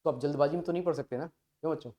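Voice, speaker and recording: A man's voice: a little high, rapid-fire, mellow, dull audio. A male chemistry teacher giving an online class in a playful, coaxing way, asking students questions and then answering them himself. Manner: playful, coaxing call-and-response.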